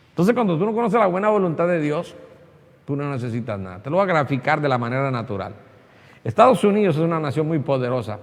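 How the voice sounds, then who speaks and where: Colombian male preacher, chatty delivery with acted voices, fairly high voice, long church-hall reverb. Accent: Colombian Spanish. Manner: conversational preaching with acted-out voices and frequent restarts. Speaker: pastor. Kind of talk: sermon.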